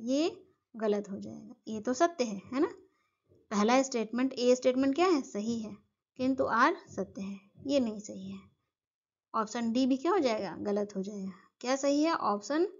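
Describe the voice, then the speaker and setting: A woman's voice: high voice, dull audio. A woman teaching an exam-prep lesson, who keeps asking questions and answering them herself.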